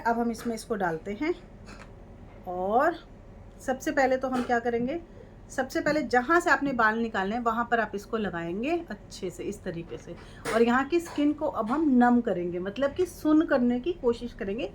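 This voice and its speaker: Woman, 30s, chatty tutorial presenter, high-ish voice, close mic, faint hum. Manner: chatty, repeats "ठीक है" and "ये देखो". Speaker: home remedy presenter. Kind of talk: casual how-to demonstration. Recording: light background noise.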